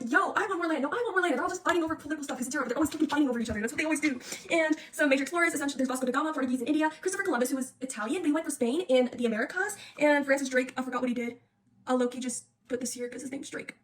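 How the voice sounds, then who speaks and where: A woman's voice: high-pitched, far from the mic. A young woman casually reviewing history for an exam on her phone, rambling and slangy, with lots of restarts. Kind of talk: casual study-review monologue. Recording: faint noise and clicks, voice off-mic.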